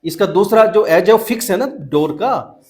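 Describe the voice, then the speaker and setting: The young teacher here has a high, animated voice with a darkish tone and a moderate pace. Switching between Hindi and English, he teaches math to children in a classroom, drawing out answers through repeated questions.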